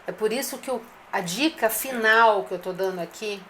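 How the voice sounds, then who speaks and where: A woman's voice: mid-range voice, normal speed, a little hiss or hum. A woman giving a direct, coaching business talk to restaurant owners, speaking to them familiarly. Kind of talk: live-streamed business advice talk.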